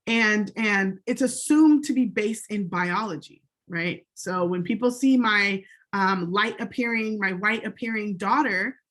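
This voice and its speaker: A woman teaching a recorded college sociology lecture in a conversational way, often checking in with "right?" and filling pauses with "um". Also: mid-range voice, a bit bright. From United States. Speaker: sociology instructor.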